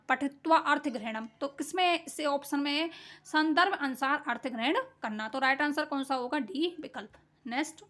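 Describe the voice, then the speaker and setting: A woman's voice: sits high, a bit bright. A woman teaching an online exam-prep lesson, explaining step by step and asking and answering her own quiz questions.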